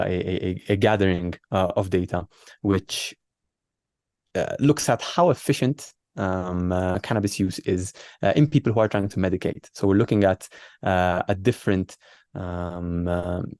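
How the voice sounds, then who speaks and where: Male doctor as interview guest. Low-pitched, dry recording, hesitant, conversational explainer. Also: darkish tone, no echo. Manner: halting, hesitant phrasing with repeated words. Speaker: doctor and researcher being interviewed.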